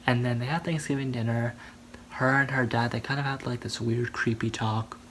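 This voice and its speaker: A man's voice: medium pitch, steady tone, moderate pace, fairly bright tone, slight background noise, low-quality recording. Rambling man recapping a movie. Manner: rambling, many fillers. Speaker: movie reviewer vlogger.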